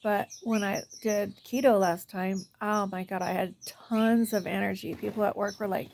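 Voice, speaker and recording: Middle-aged woman, casual vlogger, worn-out and rambling, gravelly tone, frequent near-whispers. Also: medium pitch, fairly even intonation, moderate pace, a little mellow, a little hiss or hum. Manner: rambling, tired, often drops to a near whisper. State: tired after a night shift. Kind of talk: casual diet vlog.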